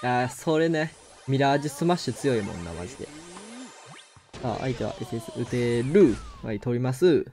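A man with a Kansai accent giving excitable live commentary on his own game, exclaiming and laughing often. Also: mid-range voice, moderate pace, faint music behind. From Kansai, Japan. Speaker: game streamer.

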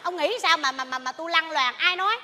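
An actress playing a sharp-tongued wife who fires back combative retorts at her husband in a stage comedy sketch. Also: extremely high pitch, quick pace, big-room sound, heavily acted. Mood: bickering.

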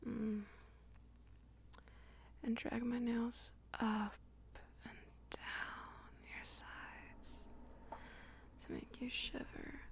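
In an intimate ASMR roleplay, a woman with a voice on the high side plays a dominant, teasing female vampire lover. She speaks slowly, coaxing and breathy, often dropping toward a whisper and using teasing pet names.

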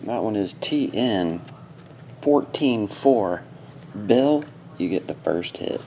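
A man sorting through freshly opened sports cards at a small indoor desk offers terse, casual commentary in short muttered bits. His lowish, dark voice is expressive and slow, carrying a little hiss or hum.

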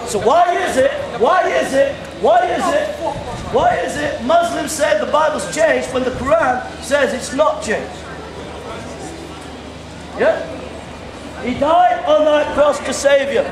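Loud, high-voiced street preacher. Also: male voice, slow pace, pauses often. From England. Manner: loud, repetitive, confrontational, pointing and gesturing. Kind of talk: open-air street preaching. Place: outdoor pedestrian shopping street. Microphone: handheld camera a few metres away. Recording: echoey street with crowd noise. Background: passers-by and crowd noise.

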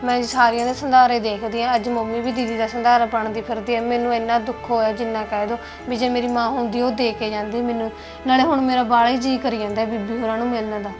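A woman's voice: a little high, flat delivery, fast talker, close to an everyday voice. A young woman with an Indian Punjabi accent plays a sad young wife in a village family drama and speaks plaintively. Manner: plaintive, complaining. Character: young wife sad that her mother is gone. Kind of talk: village web drama acting. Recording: background music under dialogue.

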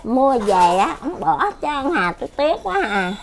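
An older woman with a Southern Vietnamese accent talks casually in a rambling way, coming back to the same complaints again and again. Her voice sits fairly high and swings widely in pitch. There is faint noise in the background. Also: big pitch swings, measured pace. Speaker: elderly widow being interviewed. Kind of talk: casual chat.

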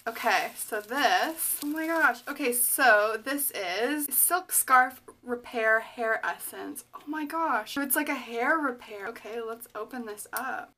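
A young woman from Canada, hosting her own vlog and gushing with excitement as she opens a gift package, full of little fillers and exclamations. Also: fairly high pitch, unhurried, hardly any pauses. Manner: gushing, breathless, lots of likes and oh my gods. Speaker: vlogger.

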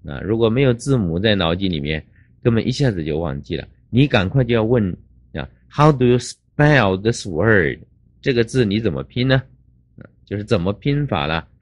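An older man lecturing as an English teacher, explaining grammar slowly with drawn-out fillers. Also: on the low side, lively intonation, darkish tone, no echo.

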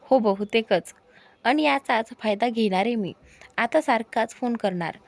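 A shy young woman in a storybook romance, guarded and reserved, asking quiet questions, as a woman narrator voices her. The voice is fairly high. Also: unhurried, creaky. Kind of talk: storybook character voice.

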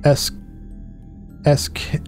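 Drawing out his words in a darkish tone, the streamer talks over soft music through his headset. The man, in his thirties, mutters his way through a puzzle game, sounding confused and poking fun at himself as he narrates casually.

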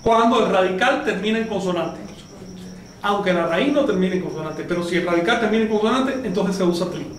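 A man's voice: sits high, brisk. A man teaching a language class, explaining step by step and quizzing his students with questions. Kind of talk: classroom lesson. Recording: echoey room from far off with faint noise.

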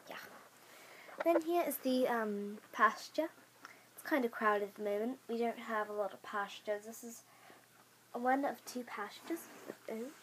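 Rambling high-voiced female tour guide. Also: slight background noise, low-quality recording. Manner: rambling, many ums and restarts, whispered asides. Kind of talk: casual toy barn tour. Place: bedroom with toy stable, indoors. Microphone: handheld phone camera.

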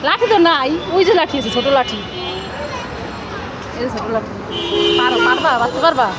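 High-voiced mother coaxing her kids. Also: big pitch swings, brisk, over a noisy crowd, heavy background noise. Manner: coaxing, playful, talking to small children. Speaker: mother filming her children. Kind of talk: casual family vlog narration.

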